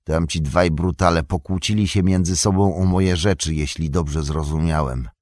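A man's voice: low voice, normal speed, darkish tone, no room sound, clean studio sound, close to an everyday voice. A man voicing a weary young male hobbit who turns despairing and grasping, in a raised, strained voice. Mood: shaken.

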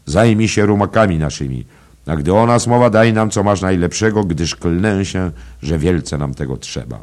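A man's voice: sits low, lively intonation, normal speed, a little mellow, pitched above the performer's own voice. A man voicing a blustering traveller who bangs on shutters and orders an innkeeper about in archaic style. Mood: commanding. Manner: commanding, hectoring. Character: blustering swaggering mounted male traveller.

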